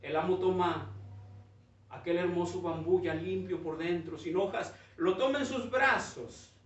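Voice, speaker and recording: A man's voice: sits high, measured pace, far from the mic. A male preacher delivering a sermon, telling a parable with rising intensity. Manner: storytelling, builds in intensity. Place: church hall. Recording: echoey dull church sound from afar.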